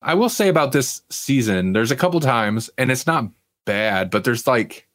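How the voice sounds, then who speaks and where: In a dry, studio-quality recording, a TV review podcast co-host talks in a medium-pitched, expressive voice at normal speed. He keeps things casual and opinionated, wandering off into asides often.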